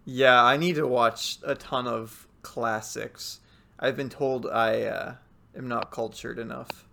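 A man's voice: mid-range voice, fairly even intonation, takes it slowly, creaky, sharp tone. A young man chatting casually on a call, easygoing and unsure, often trailing off. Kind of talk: casual chat. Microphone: remote call.

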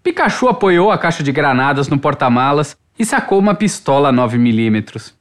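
Expressive audiobook narrator. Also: mid-range voice, soft background music. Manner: measured, expressive literary reading.

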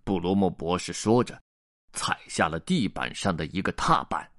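A man narrating a children's picture book aloud in a lively, expressive way. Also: low voice, normal speed, no room sound, studio quality. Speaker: storyteller.

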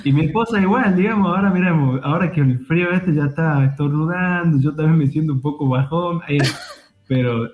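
A man's voice: a little high, fairly quick. A young man with an Argentine accent, a guest on a remote call, telling his story in a reflective way full of fillers. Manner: reflective, hedging with frequent fillers. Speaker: interview guest. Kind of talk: casual conversation. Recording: tinny phone-like line.

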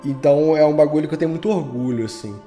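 Speaking at a quick pace in a warm, slightly high voice, a Brazilian audio drama creator and editor chats as a podcast guest over faint background music. His talk is casual, enthusiastic, slangy and rambling.

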